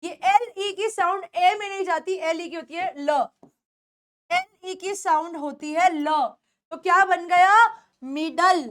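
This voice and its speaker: Woman, pronunciation teacher, high voice, repeats words, asks checking questions. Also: fairly even intonation, measured pace, fairly bright tone. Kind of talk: classroom lesson.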